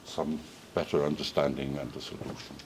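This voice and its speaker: A man giving opening remarks at a panel, hesitant and unhurried with frequent fillers. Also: very deep voice, fairly even intonation, slight background noise, rough recording.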